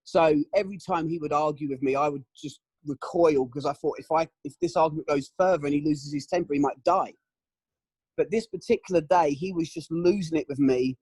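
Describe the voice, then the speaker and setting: A middle-aged man giving candid, emotional testimony in an interview, often pausing with "um" and "you know". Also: fairly high pitch, a little mellow, slightly rough, dry recording, poor audio. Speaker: interview guest.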